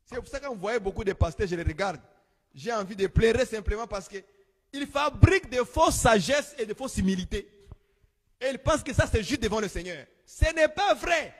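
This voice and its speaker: A man preaching an exhortation, swinging between shouted rebukes and quiet asides. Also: lively intonation, fairly quick. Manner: exhorting, rising into shouts then dropping low. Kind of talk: sermon. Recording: long hall reverb.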